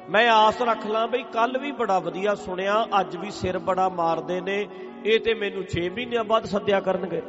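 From a gurdwara stage in a hall, a high-pitched Sikh preacher gives an emphatic sermon, repeating points to drive them home and breaking into chanted scripture. The lo-fi recording has a big-room sound.

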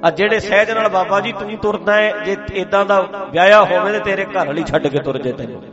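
A man's voice: sits high, a little fast. Man, preacher, emphatic and humorous sermon, muffled recording, music playing behind. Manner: emphatic and humorous, swinging from loud to soft.

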